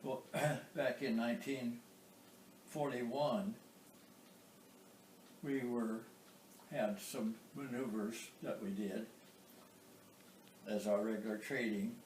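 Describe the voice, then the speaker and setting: An American man in his nineties, an old veteran remembering his past in an interview, haltingly, with pauses and throat clearing. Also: mid-range voice, steady tone, darkish tone. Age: 90s. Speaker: war veteran being interviewed. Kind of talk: oral history interview, recounting memories. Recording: roomy, distant microphone, some background noise.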